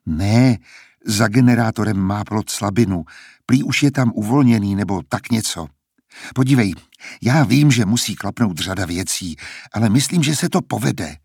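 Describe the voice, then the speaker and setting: A man's voice: on the low side, expressive, creaky, a little mellow, breathy edge, no echo, studio quality, heavily acted. A man voicing an earnest, determined young man who talks in an urgent, persuasive way, in a storybook reading. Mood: insistent.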